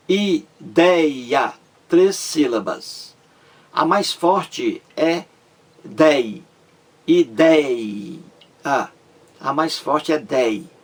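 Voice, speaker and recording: Male grammar teacher, slow, patient and repetitive, slightly husky. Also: medium pitch. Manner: slow and repetitive, stresses syllables, asks "entendeu?". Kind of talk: explanatory lesson.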